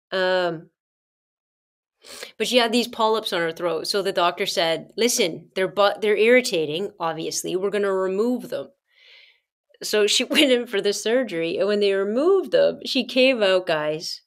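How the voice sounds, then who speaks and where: Chatty woman telling personal stories. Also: fairly low pitch. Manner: chatty, addresses listeners as "guys", many fillers and asides. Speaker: podcast host. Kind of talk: casual personal storytelling.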